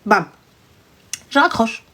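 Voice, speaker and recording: A woman's voice: slow, a little hiss or hum. A woman telling a true story in a casual live stream, acting out phone calls. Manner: animated, acts out phone calls.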